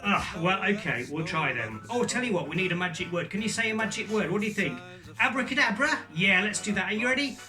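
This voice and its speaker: Male kids party magician, high voice, playful bumbling patter with lots of questions to the children, distant mic over music. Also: animated, quick pace, hardly any pauses. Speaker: children's magician entertainer presenting a Christmas show. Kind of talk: kids' party magic show patter, chatty and interactive. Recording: distant microphone, music behind.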